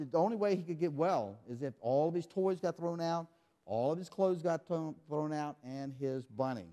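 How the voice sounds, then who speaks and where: A man with a high-sitting, darkish voice entertains children with a magic show in a church hall before a live audience. He acts playfully surprised and quizzes the kids call-and-response style, heard through an echoey hall.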